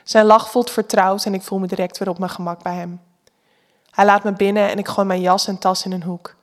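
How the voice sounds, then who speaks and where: Woman, Dutch accent, scripted first-person narration, calm, intimate. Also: mid-range voice, fairly quick. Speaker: storyteller.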